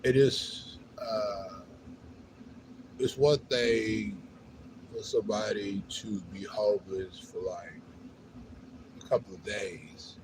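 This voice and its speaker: An American man with a low voice rambles casually to his viewers, asking for help. He speaks slowly and haltingly, circling back over his phrases. He is outdoors on a downtown street, with plainly audible noise around him. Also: vocal fry. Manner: halting, repetitive, with frequent 'you know'. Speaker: livestreamer appealing to viewers for help. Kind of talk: casual, rambling plea to camera. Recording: noisy outdoor street, uneven level.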